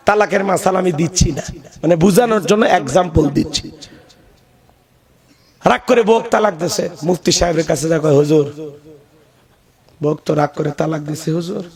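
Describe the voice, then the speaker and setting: A man's voice: on the high side, creaky. A man preaching a Bengali waz sermon, telling the story with passion and calling out to his listeners as brothers. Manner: impassioned, sing-song preaching that rises to shouts; addresses listeners directly as brothers.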